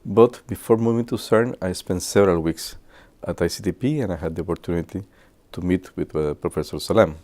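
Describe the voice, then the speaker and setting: A man in his sixties from Guatemala, speaking English, shares memories with students in a halting way, full of filler pauses. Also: low voice, darkish tone. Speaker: physicist. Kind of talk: reminiscing talk to students.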